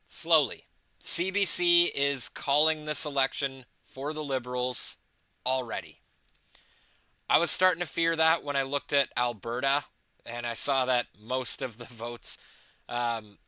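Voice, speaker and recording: A man's voice: medium pitch, sharp tone, clean tone, no room sound. A man hosting a casual live election commentary stream, rambling with fillers and reading out viewer comments. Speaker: livestream host.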